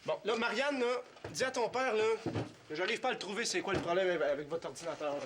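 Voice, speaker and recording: Young man playing an awkward Quebec guy, Quebec French accent, rambling, hesitant, fairly high voice. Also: quick pace, noisy background, lightly acted. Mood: flustered. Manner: hesitant, stumbling restarts. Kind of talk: TV series acting.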